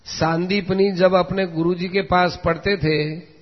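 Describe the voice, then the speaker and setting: High-voiced preacher man in an echoing hall. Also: steady tone, measured pace. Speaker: religious preacher. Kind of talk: devotional discourse with a story. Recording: dull lo-fi recording in a long-reverb hall.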